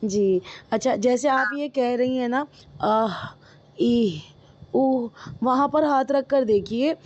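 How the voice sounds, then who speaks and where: A woman's voice: on the high side, darkish tone, dull audio, a little hiss or hum. A woman teaching Quran recitation. She is patient and encouraging, and drops English words into her talk. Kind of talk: online tajweed lesson.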